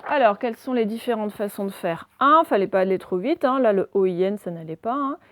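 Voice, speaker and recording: A woman teacher giving a reading lesson to young children, spelling out letters slowly and checking in often. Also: medium pitch, animated, fairly bright tone, dry recording, clean studio sound.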